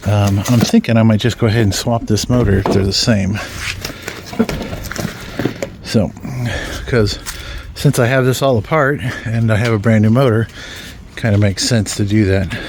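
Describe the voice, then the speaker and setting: A man's voice: lowish voice, fairly even intonation, normal speed, gravelly, pauses often, noisy background. A man giving casual, rambling commentary outdoors while working on his own vehicle, full of ums and mild swearing. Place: outdoors in a yard beside a vehicle.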